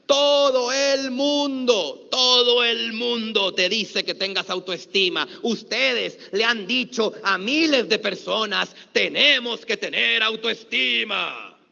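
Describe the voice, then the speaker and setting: A middle-aged Mexican man with a Mexican Spanish accent gives an energetic motivational talk in a large conference hall, leading the crowd in call-and-response chants. His voice is very high-pitched, slow and creaky. The audio is dull and lo-fi, with a long hall reverb.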